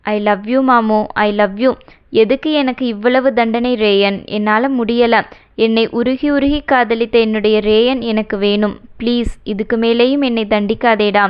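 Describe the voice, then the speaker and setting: A woman's voice: on the high side, steady tone, unhurried, smooth, lo-fi sound, natural voice. A woman voicing a tender young wife who pleads with her husband in an audiobook romance. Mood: pleading. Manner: emotional pleading dialogue.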